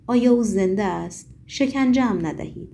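A woman's voice: on the high side, vocal fry, mellow, slight background noise. A woman voicing a troubled, unhappily married woman in an audiobook, speaking in a pleading, emotional way. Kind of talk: audiobook reading.

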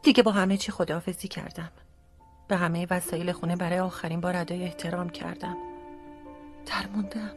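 A woman acting a devout, heartbroken young woman in a radio drama, soft, earnest and resolute. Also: fairly low pitch, flat delivery, music in the background, natural voice.

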